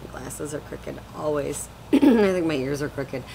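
Young woman vlogger, low voice, chatty and rambling, noisy webcam audio at home. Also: animated, unhurried, gravelly, warm tone. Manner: chatty, rambling, many fillers. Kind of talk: casual product haul chat. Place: small room at home, indoors. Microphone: webcam at desk.

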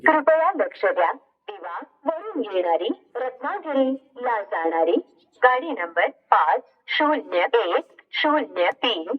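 Woman announcer, formal and measured, sing-song delivery over a muffled outdoor station loudspeaker heard from afar. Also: a little high, big pitch swings, recorded from a distance. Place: outdoor railway platform.

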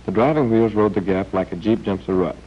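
An American man with a fairly low, breathy voice narrates a scripted 1940s training film at a fairly quick pace, wry and understated. It's a film voice-over on a dull, band-limited old soundtrack.

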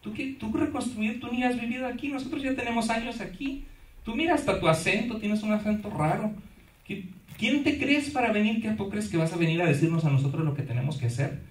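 A man's voice: a little high, animated, racing, a little mellow. A pastor voicing a scornful local man who mocks an outsider with sneering questions, in an echoey hall. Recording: echoey hall, mic far off.

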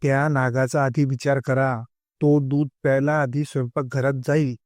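A man voicing a calm father who reasons with his panicking family. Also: mid-range voice, moderate pace, no room sound, clean studio sound, voice pushed down, close to an everyday voice. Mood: reasoning.

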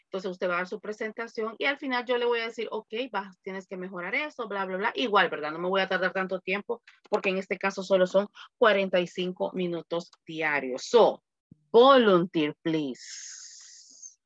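A woman's voice: mid-range voice, moderate pace, no room sound, dull audio. A woman from El Salvador, teaching an online English class in a chatty way with lots of examples.

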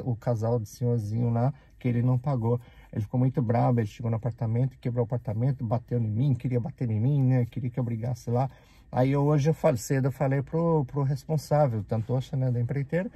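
A man from Brazil with a Brazilian Portuguese accent, telling an animated story casually and acting out the people in it. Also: mid-range voice, creaky, breathy edge, no echo. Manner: animated, acts out the people in his stories. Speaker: vlogger.

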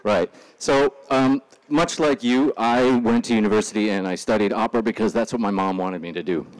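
A man's voice: lowish voice, fairly quick. A man in his forties giving a casual motivational talk on stage, joking and swearing freely. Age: 40s. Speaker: speaker. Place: stage before a live audience.

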